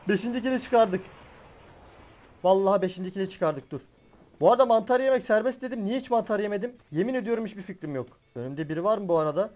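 A young man giving excitable commentary while he plays a battle royale game as a gaming YouTuber, swearing and laughing as he goes. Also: high voice, fast talker. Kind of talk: live gameplay commentary.

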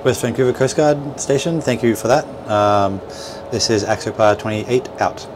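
A steady hum runs through this noisy recording from a small boat cabin at a marina, captured on a clip-on lapel mic. The man, a boat dealer presenter in his thirties, gives an informal instructional walkthrough at a moderate pace and medium pitch, with hesitant, repeated words.

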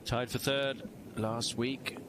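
A man's voice: medium pitch, little pitch movement, slow. A man giving live golf commentary as a broadcast commentator at a tournament. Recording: loud outdoor background noise.

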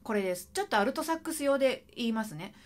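Lively, animated woman teaching saxophone. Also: on the high side, quick pace. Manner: lively, chatty, sings and scats phrases to demonstrate. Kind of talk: video music lesson.

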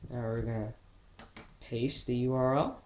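A man's voice: medium pitch, flat delivery, measured pace, a little mellow, slight background noise. A teenage male with an American accent hosting a casual vlog-style giveaway announcement, talking directly to viewers. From New Jersey, United States. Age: teens. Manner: casual, addressing viewers as guys. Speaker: fishing channel host.

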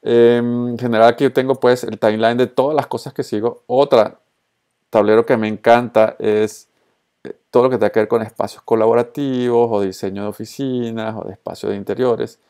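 A male social media tutorial presenter with a relaxed, dark, clear and resonant mid-pitched voice narrates a casual screencast spontaneously at a moderate pace. Born in Colombia and raised in Venezuela, he has a Colombian-Venezuelan Spanish accent and keeps things informal, slipping in English tech words.

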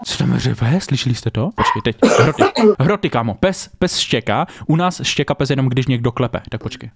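A man's voice: mid-range voice, lively intonation, creaky, very noisy. A man giving casual reaction commentary on stream clips, mocking and swearing freely.

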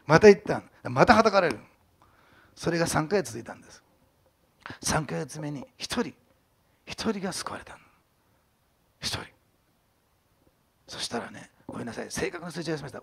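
Gravelly fast-talking male pastor preaching. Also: mid-range voice. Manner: conversational, animated storytelling with quoted voices. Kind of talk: sermon. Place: church sanctuary.

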